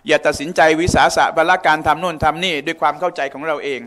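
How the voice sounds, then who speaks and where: A man's voice: on the high side, fairly even intonation, fast talker, a bit bright. A man giving a conversational religious lecture in a mosque, often asking the audience questions. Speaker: religious teacher.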